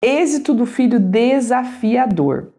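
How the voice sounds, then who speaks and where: A woman's voice: a little high, expressive, slow pace, mellow. A woman reading a parenting book aloud and commenting on it, asking her listeners rhetorical questions. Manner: explanatory, asks the audience rhetorical questions. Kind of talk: commented read-aloud lesson.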